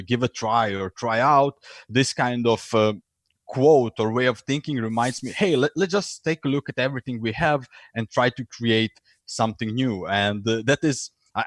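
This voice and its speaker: Croatian guy on a podcast, mid pitch, lots of uhs and restarts, dry sound. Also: dry recording. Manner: hesitant, many fillers and restarts, acts out voices in stories. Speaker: podcast guest, lean and innovation consultant. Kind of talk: conversational interview.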